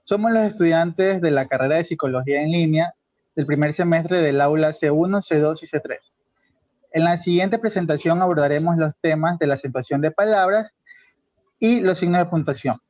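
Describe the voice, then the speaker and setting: A young man with an Ecuadorian accent announces the topics of a class presentation and lists them in order. His voice is somewhat high, and the recording is dry and slightly muffled. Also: normal speed, no room sound. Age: young adult. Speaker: student presenter. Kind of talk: read class introduction.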